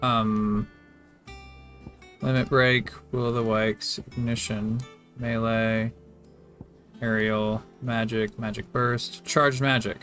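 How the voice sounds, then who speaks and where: A man of medium pitch plays a game and talks through it casually. He is low-key, thinks aloud and reads menu text, with soft guitar music behind. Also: level tone, takes it slowly, long pauses. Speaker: gamer. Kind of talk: casual game commentary, reading menus aloud. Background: game music with plucked guitar.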